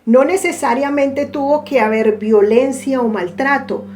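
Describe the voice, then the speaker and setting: A woman giving a reflective spiritual teaching, speaking deliberately and stretching key words for emphasis. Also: sits high, darkish tone.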